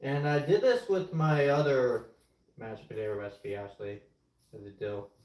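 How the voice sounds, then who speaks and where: He's a young man whose first language is Ukrainian/Russian, cooking on stream and rambling amiably to his audience, answering their messages mid-task. The voice is medium in pitch, a little mellow, delivered at an ordinary speed. Recorded in a home kitchen that echoes, with faint noise underneath.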